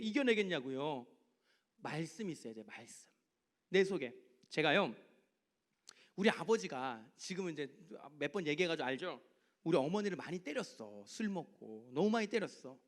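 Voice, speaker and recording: A man, a youth pastor, preaching to teenagers in a church service, telling personal stories and putting questions to them. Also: high voice. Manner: animated, asks the teens direct questions. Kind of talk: youth sermon with personal storytelling.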